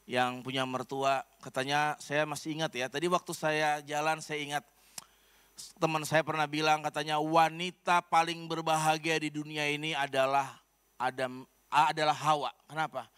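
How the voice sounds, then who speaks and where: A male pastor preaching a sermon, telling a story with lively delivery and addressing the congregation directly. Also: a little high, moderate pace, clean tone, dry recording.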